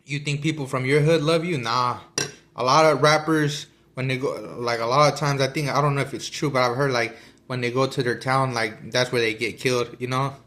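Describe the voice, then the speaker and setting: A man's voice: mid-range voice, steady tone, brisk, a bit bright, a little hiss or hum. Guy rambling about a book, lots of ums and restarts, eating while he talks. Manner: rambling, with many fillers and restarts. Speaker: vlogger discussing a book. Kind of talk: casual chat.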